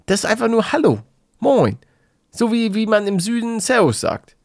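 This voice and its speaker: A man's voice: high voice, very animated, normal speed, no echo, studio quality. A man with a light northern German accent, co-hosting a casual podcast chat with playful teasing. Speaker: podcast co-host.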